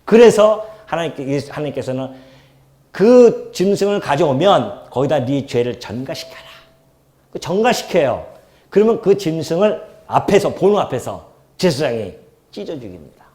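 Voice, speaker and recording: Male pastor, church sermon, lively swooping delivery, rhetorical questions to the pews. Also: fairly high pitch, moderate pace. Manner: animated, swings between loud emphasis and soft asides; asks the congregation questions and acts out quoted speech. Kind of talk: expository sermon.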